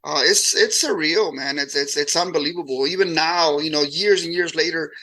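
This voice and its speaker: A man in his late forties, born in Mexico and raised in Houston, chatting as a musician guest in a relaxed interview and often repeating words as he talks. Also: on the high side, normal speed. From born in Mexico, raised in Houston, Texas. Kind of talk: casual interview chat.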